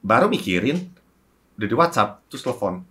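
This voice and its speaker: A man guest on an interview show, speaking in a halting, reflective way and trailing off as he recalls. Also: medium pitch, big pitch swings, pushed and bright. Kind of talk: candid casual chat.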